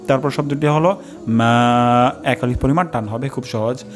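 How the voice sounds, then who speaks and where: A man teaching recitation pronunciation in a slow, careful lesson, repeating each sound to demonstrate it. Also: medium pitch, fairly even intonation.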